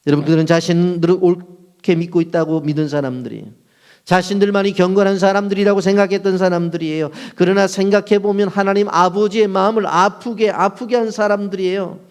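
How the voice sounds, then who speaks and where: A man's voice: high voice, a little fast, clean tone. A man preaching a sermon as pastor, putting rhetorical questions to the congregation and acting out quoted lines. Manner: asks the congregation rhetorical questions and answers them; acts out quoted lines in short bursts.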